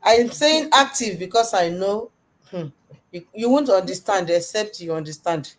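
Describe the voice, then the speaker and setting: A woman's voice: medium pitch, expressive, moderate pace. Earnest woman sharing her faith. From Nigeria.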